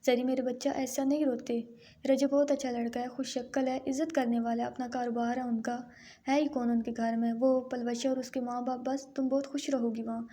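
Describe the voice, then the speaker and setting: A woman voicing an anxious, gentle mother who speaks softly and pleadingly. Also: a little high, little pitch movement, lightly acted. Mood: worried. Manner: soft, pleading and worried.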